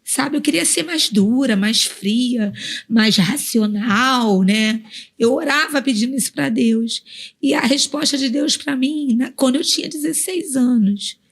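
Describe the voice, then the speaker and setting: A woman pastor sharing a personal testimony on a podcast, her voice husky and a little gravelly. She sits fairly high in pitch and speaks in an earnest, emotional way, circling back over her phrases as she tells the story. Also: a little slow. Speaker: pastor and guest.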